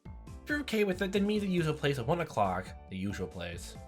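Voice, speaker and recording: A man's voice: fairly high pitch, wildly swooping pitch, fairly quick, faint music behind, pitched above the performer's own voice. A man voicing a boisterous teenage girl who leads a game club and bosses her friends around. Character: bossy, loud teenage girl club leader.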